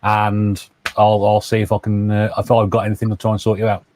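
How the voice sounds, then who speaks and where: A man's voice: on the low side, completely flat delivery, a little fast, a little mellow, slight background noise. A man trading on a live video stream, talking casually and hesitantly, repeating his words. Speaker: guest trader. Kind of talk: casual livestream chat.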